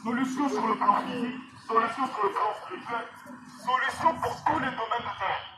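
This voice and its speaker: Speaking briskly through a megaphone, a high-voiced man gives a passionate outdoor sermon, hammering key phrases again and again at the people walking past. He's a street evangelist exhorting them directly, and traffic noise fills the street behind him.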